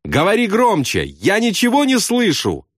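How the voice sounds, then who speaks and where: A man putting on a plump, smug navigator, shouting up high with an easy, clueless good nature. The voice stays close and dry. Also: a little slow, no echo. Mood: puzzled.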